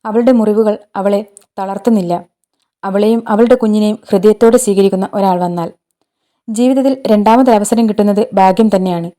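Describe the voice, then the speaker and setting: A woman narrating a scripted emotional story in a calm, measured reading. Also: medium pitch.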